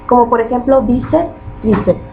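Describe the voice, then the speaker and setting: A woman with a fairly high voice reads grammar rules and examples carefully and deliberately. The sound is thin and phone-like, with a faint hiss in the background. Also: soft background music. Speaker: student presenter. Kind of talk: reading a grammar lesson aloud. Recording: tinny phone-like recording with faint noise.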